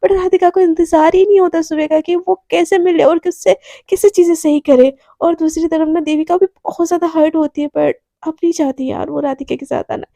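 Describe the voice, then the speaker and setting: A woman tells a romance story in a loose, conversational way and often turns to her listeners with asides. Her voice is very high and mellow. The recording is close and dry, with no echo. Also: fairly even intonation, a little fast, gravelly, few pauses. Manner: chatty, addresses listeners with asides. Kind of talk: casual spoken storytelling.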